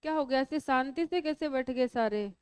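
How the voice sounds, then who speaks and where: A woman's voice: high-pitched, fairly quick, darkish tone, clean tone, dry recording. A woman teaching biology to a class, asking students questions and teasing them as she explains. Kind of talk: classroom lecture.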